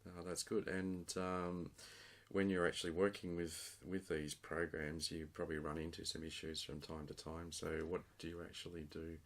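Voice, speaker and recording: A man hosts a relaxed local interview. His voice is very low and his questions come with plenty of uhs and repeated words. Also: moderate pace, hardly any pauses. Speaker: podcast host, interviewer. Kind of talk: casual interview.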